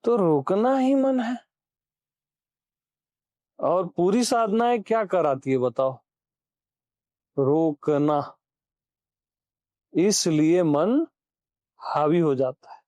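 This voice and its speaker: A high-pitched man leads a satsang discourse in a mellow, unhurried voice. He puts questions to his audience, repeats his key lines, and presses them to answer. He sounds like a spiritual teacher speaking to a gathering. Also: no room sound. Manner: urges listeners on.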